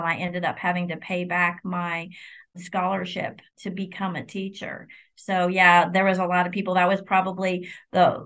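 A woman's voice: fairly low pitch, fairly bright tone. A middle-aged woman from Illinois, a university general counsel, speaking as a guest in a conversational interview, reflective and open. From Illinois, United States. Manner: reflective and open, with frequent restarts.

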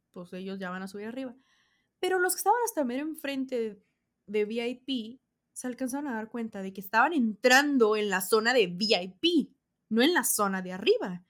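A young adult woman with a Mexican accent telling a casual storytime, full of slang and acting out what people said. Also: medium pitch. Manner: animated, slangy, acts out quotes. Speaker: vlogger.

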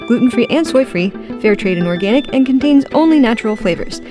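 Woman host, chipper 1950s ad manner, playful mock-earnest announcer, scripted read, music behind. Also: medium pitch. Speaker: podcast host.

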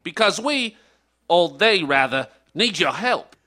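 An actor playing a jovial ex-pilot who runs an animal sanctuary, in a chirpy, slangy, easygoing manner, in a live audio drama. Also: male voice, high voice, sing-song, slow pace, bright, forceful tone, full character voice. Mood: cheery.

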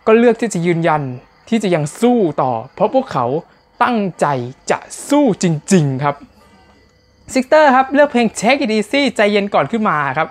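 A man's voice: extremely high pitch, very animated, brisk, faint music behind. A man narrates a recap of a competition show in a casual, chatty way. He speaks directly to the audience and keeps his tone polite throughout. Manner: chatty, talks straight to viewers, polite particles throughout.

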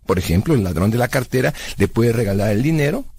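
A man hosting a children's radio segment, explaining patiently and gently scolding. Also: mid-range voice, animated, quick pace, gravelly, breathy edge, dry recording. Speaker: host.

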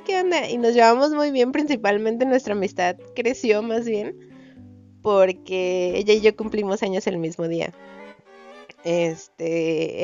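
A woman's voice: mid-range voice, muffled recording. A young Mexican woman hosting a podcast, telling a personal story in casual slang and acting out what people said. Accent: Mexican Spanish. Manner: slangy, animated, acts out quoted dialogue. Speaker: podcast host.

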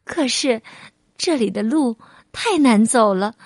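A woman's voice: a little high, lively intonation, takes it slowly, dry recording, clean studio sound, full character voice. A woman voicing a friendly, worldly little city mouse in a storybook reading, chatty and coaxing.

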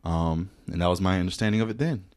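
A man in his twenties co-hosting a podcast in casual chat, playful and lively, often slipping into put-on voices. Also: low-pitched, fast talker, dry recording, studio quality. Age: 20s. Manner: animated, playful, slips into voices. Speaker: podcast co-host.

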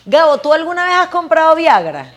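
A woman with a Venezuelan accent in casual podcast chat, blunt and quick to laugh. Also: very high-pitched, sing-song, a bit bright. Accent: Venezuelan Spanish.

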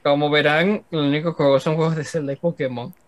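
A man's voice: fairly high pitch, fairly even intonation, a little fast. A young man with a Venezuelan accent, co-hosting a casual podcast chat and rambling through a list of his games. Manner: rambling, listing game hours with laughs. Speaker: podcast co-host.

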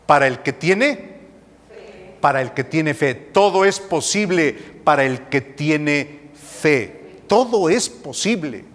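A man, a priest, preaching a slow, emphatic sermon. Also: fairly high pitch, lively intonation, fairly bright tone, in a large hall. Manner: slow, emphatic preaching with dramatic acted quotes.

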